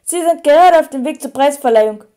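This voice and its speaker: A woman voicing a cheeky, lively young witch in an audiobook reading. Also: high voice, brisk, pitched above the performer's own voice.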